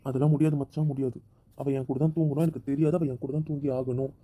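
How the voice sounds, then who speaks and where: A man's voice: medium pitch, flat delivery, fast, mellow, close to an everyday voice. A man playing a possessive, hot-tempered young husband. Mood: stubborn. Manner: insistent, stubborn, repeats his demands. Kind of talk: amateur audio drama.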